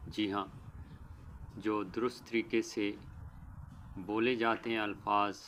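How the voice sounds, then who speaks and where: A man teaching a pronunciation lesson, speaking deliberately and stressing each corrected word. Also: fairly low pitch, little pitch movement, fairly bright tone, slight background noise. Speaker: Urdu teacher.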